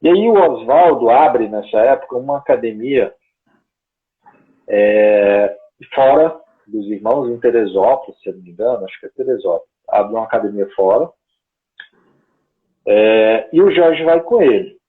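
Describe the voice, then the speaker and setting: A guest researcher, a man with a medium-pitched, animated voice, tells a long story at normal speed in a casual, rambling way, often checking in with little tag questions. He's a guest on a call, and the audio is tinny and phone-like.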